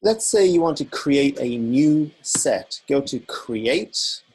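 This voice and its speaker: A man teaching in a relaxed, informal way, walking through a screen-recorded software tutorial. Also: mid-range voice, takes it slowly, husky. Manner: relaxed, informal explaining while clicking.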